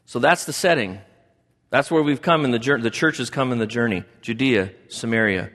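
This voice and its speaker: A man's voice: medium pitch, normal speed, a bit bright. A man preaching a sermon as pastor, talking in a conversational way and often asking the congregation questions. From United States. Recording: long hall reverb.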